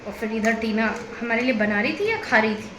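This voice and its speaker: A woman's voice: on the high side, fairly quick. A young adult woman chatting and telling stories in a casual family vlog at home, laughing often. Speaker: vlogger. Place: home, indoors. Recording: echoey room with background noise.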